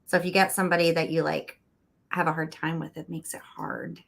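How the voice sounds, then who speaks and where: A woman in her thirties hosts a relaxed chat from home, talking freely and laughing often. Her voice sits a little low for a woman. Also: fairly quick, vocal fry. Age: 30s. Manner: laughs often, chatty and expressive. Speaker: host. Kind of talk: casual chat on a livestream. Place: home room with neon light.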